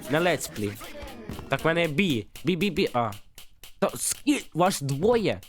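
Excitable man yelling over game music. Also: fairly high pitch, unhurried. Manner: excitable, yelps and panicky repeated outbursts. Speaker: let's play gamer. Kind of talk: excited gameplay commentary. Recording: game music loud under voice.

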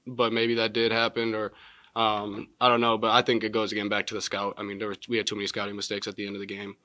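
Fielding questions after the game, this twenties-aged college basketball player sounds measured and leans heavily on filler words like um. His low voice is monotone, pushed, and bright, with little rise or fall. A table mic in the press room captures him close and dry, with no room sound.

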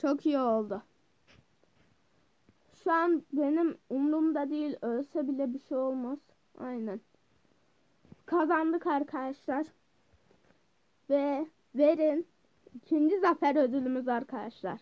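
A woman hosting her gaming channel, giving live gameplay commentary, who yells at the game and then mutters complaints. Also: sits high, unhurried, long pauses, no echo, lo-fi sound.

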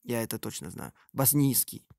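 A man with a gravelly creak gives casual screen-recording commentary. He thinks aloud hesitantly, in a dry, close sound. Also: mid-range voice, big pitch swings, moderate pace, darkish tone, dry recording. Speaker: video creator.

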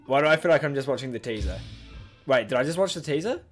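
A young man hosting a reaction video, chatting in an excitable, rambling way and swearing casually. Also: mid-range voice, fast, faint music behind. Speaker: YouTube reaction host.

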